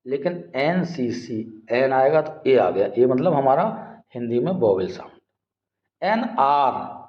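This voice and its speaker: A man gives a grammar lesson at a slow, deliberate pace, repeating key words. His voice sits a little high for a man. It comes through a dull, lo-fi recording in an echoey room. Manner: explains step by step, often asks questions back and repeats words. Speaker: English grammar teacher. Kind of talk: classroom-style grammar lesson.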